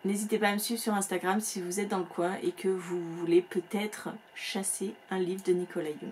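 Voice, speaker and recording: A woman's voice: medium pitch, a little mellow, slight background noise. A woman book vlogger chatting casually and enthusiastically at home, using plenty of fillers as she goes. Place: home room with bookshelves.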